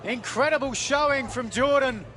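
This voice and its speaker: A man's voice: very high voice, moderate pace. A man giving colour commentary on a wrestling match, analytical and naming holds and techniques. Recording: noisy live event with crowd. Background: loud crowd and event noise.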